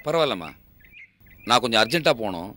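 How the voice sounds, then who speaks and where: An actor playing a kindly uncle bringing news in a hurry, in a TV serial. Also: male voice, medium pitch, big pitch swings, sharp tone. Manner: hurried and kindly. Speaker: family elder, called uncle. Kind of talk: TV serial acting.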